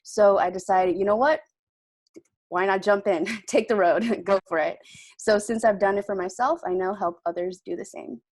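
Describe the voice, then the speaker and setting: A woman's voice: mid-range voice, moderate pace, darkish tone, no echo. Upbeat woman love coach, dry sound. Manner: upbeat, laughs easily.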